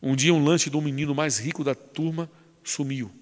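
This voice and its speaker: A man's voice: on the high side, fairly even intonation, moderate pace, big-room sound. A man preaching a sermon as a pastor, telling a story dramatically and then building to fervent emphasis. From Brazil. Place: church.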